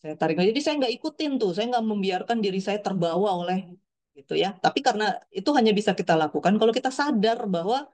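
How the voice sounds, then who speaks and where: A middle-aged woman counselor giving an explanatory talk to parents, her voice rising and falling as she explains, with many fillers and quoted inner thoughts. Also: fast. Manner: lively, pitch swings up and down while explaining.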